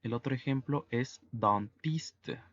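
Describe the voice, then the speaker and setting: A man teaching French to Spanish speakers, explaining pronunciation slowly and methodically, letter by letter. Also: medium pitch, no room sound, dull audio. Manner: slow, methodical, spells out sounds letter by letter. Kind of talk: online language lesson.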